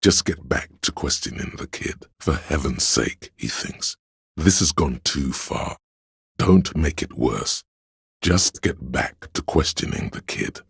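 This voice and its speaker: Narrating a game in a very deep, rasping, husky voice, a man speaks with solemn literary weight yet sounds animated and a bit bright. Every phrase is set down deliberately, as in scripted drama, and the close studio mic captures it dry with no echo.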